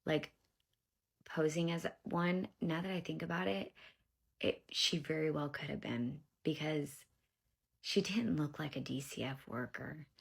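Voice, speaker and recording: A woman's voice: low-pitched, measured pace, gravelly, breathy edge. A young woman casually telling her own story to camera, acting out what others said and dropping to whispers at tense moments. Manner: animated retelling, acting out dialogue, drops to whispers.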